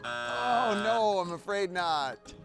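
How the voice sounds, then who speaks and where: A male quiz show host who narrates and reads out questions. He jokes with contestants and laughs often. His voice sits a bit high, and faint music plays underneath. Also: expressive, slow pace. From Evanston, Illinois. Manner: jokey and playful, laughs often. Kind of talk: game show hosting and narration.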